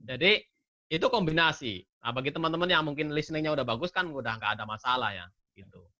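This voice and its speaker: A man's voice: fairly high pitch, expressive, fast, pushed and bright. A man talking casually as a guest, giving earnest advice and explaining step by step, often asking himself rhetorical questions. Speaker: scholarship awardee guest.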